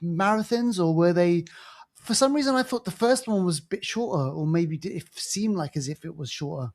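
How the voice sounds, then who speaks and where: A man's voice: high voice, moderate pace. A man co-hosting a film podcast, chatting casually and filling his talk with "you know". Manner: chatty, animated, frequent "you know" fillers. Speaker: podcast co-host. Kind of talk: casual chat.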